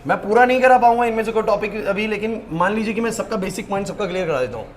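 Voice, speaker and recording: High-voiced male teacher quizzing a class. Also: racing, a little hiss or hum. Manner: coaxing, scolding, quizzes students by name. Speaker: physics teacher. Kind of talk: classroom physics lecture.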